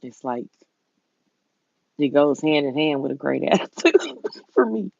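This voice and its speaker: A woman with a Southern US accent and a folksy, drawn-out drawl, chatting casually with viewers as a livestream host. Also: low-pitched, sing-song, gravelly, a little mellow, dry recording, lo-fi sound. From southern United States.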